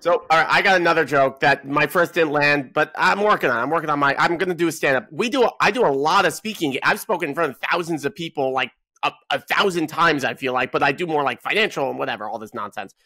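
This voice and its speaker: A man's voice: fairly high pitch, fast, few pauses, sharp tone, dry recording. A man in his thirties hosting a casual interview over a video call, upbeat and prone to repeating himself. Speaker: host. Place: indoor room, video call. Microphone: webcam on video call.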